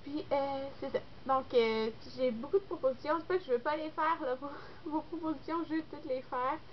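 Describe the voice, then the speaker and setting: Congested from a cold, this young woman speaks with a Québécois French accent in a high-pitched, fairly quick voice. She's a beauty vlogger rambling casually to the camera with plenty of fillers, and the lo-fi audio is dull with a little noise.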